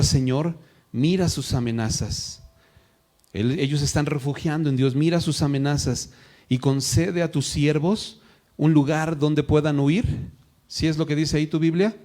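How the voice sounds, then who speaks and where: A man's voice: medium pitch, darkish tone. A man preaching a sermon at a church service, asking the congregation questions and acting out the voices he quotes. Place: church service streamed live.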